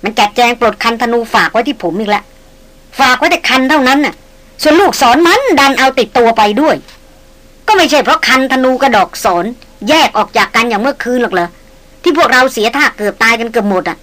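A woman voicing a calm, stern male hunter guide in a spoken novel reading, explaining in measured tones. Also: a little high.

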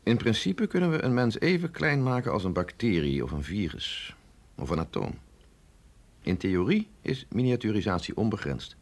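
A middle-aged male actor plays a sceptical, authoritative scientist doctor briefing an agent in a radio drama. His husky voice swings lively in pitch as he explains in a measured, insistent way.

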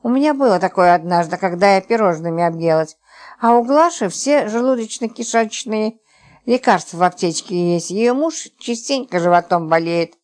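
A woman voicing a timid, naive young wife who speaks lower and softer. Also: lively intonation, normal speed, close to an everyday voice.

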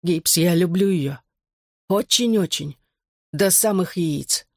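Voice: medium pitch, a little mellow, dry recording, studio quality. A reader voicing a giddy teenage boy in a hospital bed who slurs and drags out his words while drugged. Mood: slurring. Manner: slurred, drawn-out, giddy.

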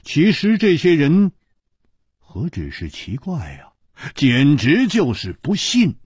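A cool, wry young hero from a wuxia storybook, low and unhurried, as a husky male storyteller puts him on. Husky and dry close up. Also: wildly swooping pitch, darkish tone, dry recording, full character voice.

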